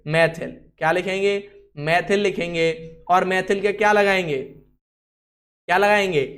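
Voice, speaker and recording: A man teaching a chemistry class, asking the students questions and answering them himself, and telling someone else what to write on the board. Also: sits high. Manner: instructs someone writing on the board. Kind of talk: classroom lesson.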